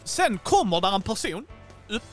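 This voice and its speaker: A man narrating as game master of a tabletop role-playing game, animated and playful. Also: high-pitched, faint music behind. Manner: animated, playful, bursts into loud outcries in character.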